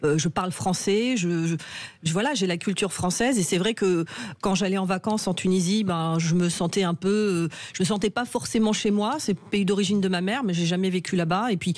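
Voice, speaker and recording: A woman from France answering as a guest on a radio interview, halting and repeating words as she searches for what to say. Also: mid-range voice, a little mellow, no echo. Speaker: guest, activist.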